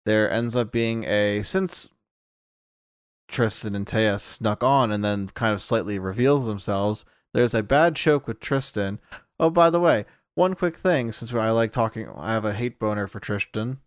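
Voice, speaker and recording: A man co-hosting a podcast, chatting casually, laughing often and acting out characters in quick voices. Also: fairly low pitch, smooth, dry recording, clean studio sound. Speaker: podcast co-host.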